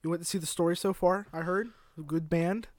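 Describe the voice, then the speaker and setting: A young man hosting a podcast, chatting casually in a rambling, joking way and sometimes getting loud. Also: fairly high pitch, fairly even intonation, a little fast, no room sound, clean studio sound. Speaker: podcast host. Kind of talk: casual chat.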